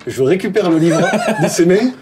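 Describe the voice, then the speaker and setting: A young man playing a tabletop role-playing game, quick and joking. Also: a little high, animated, over a noisy crowd. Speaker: player. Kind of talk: casual tabletop play.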